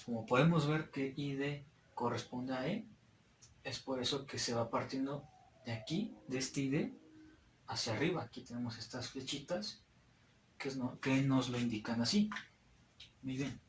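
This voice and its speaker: A man's voice: medium pitch, normal speed, long pauses, slight background noise. Hesitant young man explaining, echoey room. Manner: hesitant, frequent fillers and restarts. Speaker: student presenter. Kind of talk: classroom explanation at a whiteboard.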